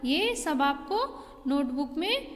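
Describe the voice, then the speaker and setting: A woman's voice: high voice, big pitch swings, slow. A woman schoolteacher giving a patient Hindi grammar lesson to young pupils, checking in often and calling them "beta". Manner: patient, repeats "ठीक है" and "बेटा" to pupils. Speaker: school teacher. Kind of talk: online Hindi class lesson. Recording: long hall reverb.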